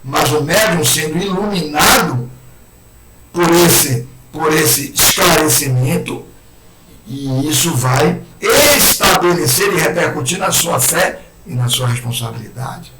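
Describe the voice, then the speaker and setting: A man with a hoarse throat giving an animated spiritist lecture, acting out the words of imagined people. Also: on the high side, unhurried. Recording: echoey room, far mic, loud noise.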